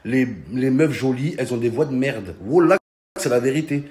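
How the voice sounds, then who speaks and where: A man doing comic monologue sketches, lively and mocking, often slipping into other voices. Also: mid-range voice, normal speed. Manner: animated, switches into mocking voices. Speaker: comedian. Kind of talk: stand-up style comedy sketches.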